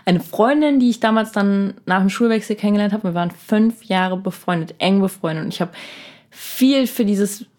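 A woman's voice: medium pitch, normal speed, a little mellow. A young woman co-hosting a podcast, earnestly and emphatically retelling her own experiences. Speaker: podcast co-host. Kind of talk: casual chat.

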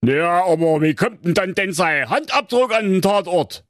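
A man's voice: sits high, lively intonation, normal speed, no room sound, clean studio sound, pitched above the performer's own voice. A man voicing a sly, defensive male wolf suspect who blusters and waves off blame. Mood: blustering. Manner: blustering, dismissive.

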